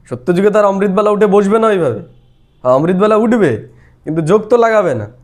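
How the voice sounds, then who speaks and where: Male spiritual teacher, high-pitched, patient explanatory delivery with frequent rhetorical questions. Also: big pitch swings, a little fast. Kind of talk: devotional explanation of a daily lesson.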